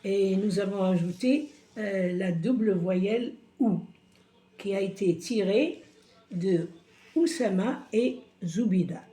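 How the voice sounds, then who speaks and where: A woman teaching a slow, patient reading lesson to young children, sounding out syllables in a sing-song way. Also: mid-range voice, dark tone. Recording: roomy echo.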